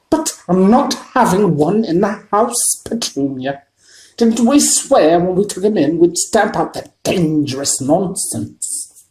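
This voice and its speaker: A woman voicing a blustering, bad-tempered middle-aged uncle in a storybook reading, gruff and barking. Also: fairly low pitch, warm tone, a little hiss or hum, pitched above the performer's own voice. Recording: echoey room.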